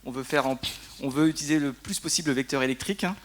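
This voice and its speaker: On a conference round-table in a conference hall, a man who serves as a deputy director explains energy policy, talking fast in a mid-range voice. His explanatory delivery is peppered with the tag "hein" and some fillers, and there is slight background noise.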